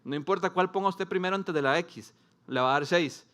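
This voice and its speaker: A male pastor delivers a sermon before a congregation in a fairly high-pitched voice. He speaks in short, emphatic phrases with dramatic pauses, and at times builds into animated storytelling. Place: church service before a congregation.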